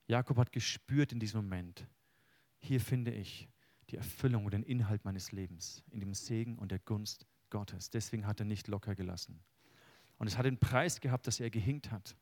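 A man preaching a sermon, earnest and personal, swinging between loud emphasis and hushed words. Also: lowish voice, no echo. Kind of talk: sermon with Bible reading.

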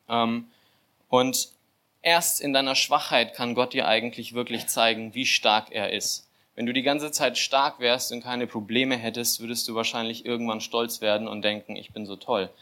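A young man giving an informal sermon, telling a scripture story with filler words and lively, acted-out asides. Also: medium pitch. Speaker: church volunteer giving a sermon. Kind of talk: casual sermon.

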